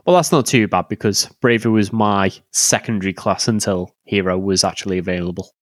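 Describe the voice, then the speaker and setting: Co-host, young man, relaxed questioning manner, dry close-miked voice. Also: lowish voice, a little fast, no echo. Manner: easygoing, asks questions, dry remarks. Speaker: podcast co-host. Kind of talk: casual gaming podcast chat.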